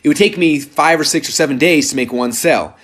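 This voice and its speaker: A man in his thirties presenting a live sales webinar, telling a story in an energetic, rambling way with lots of filler words. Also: a little high, quick pace.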